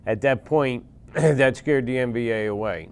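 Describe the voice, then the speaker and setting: A man's voice: medium pitch, clear, resonant tone. Plain-spoken man in his sixties. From Philadelphia, USA. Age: 60s. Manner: plain-spoken, halting with pauses and fillers. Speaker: veteran interviewee. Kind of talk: recounting war memories.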